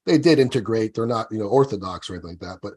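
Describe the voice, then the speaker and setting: A husky, slightly raspy man talks quickly as a guest in an interview. His speech rambles loosely and often trails off into offhand asides. The tone stays casual and conversational. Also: lowish voice, lively intonation, a little mellow. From Italy, raised in New Jersey.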